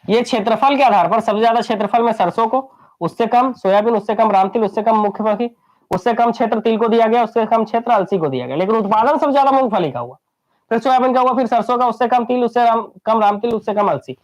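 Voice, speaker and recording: High-voiced Chhattisgarhi man coaching exam students. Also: fast talker. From Chhattisgarh, India. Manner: drills lists by repetition, asks students questions. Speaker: teacher. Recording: dull lo-fi recording.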